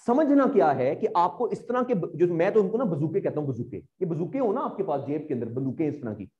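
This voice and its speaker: A man's voice: fairly high pitch, sing-song, a little fast, dark tone, lo-fi sound. Rhetorical man lecturing exam students. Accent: Pakistani Urdu. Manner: rhetorical, keeps asking if students follow. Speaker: CSS exam teacher.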